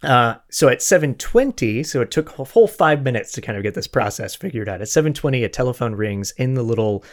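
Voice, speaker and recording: Lively intonation and a brisk pace mark this mid-range male voice as he hosts a podcast on a historical true crime mystery. He narrates conversationally, with jokey asides and occasional self-corrections.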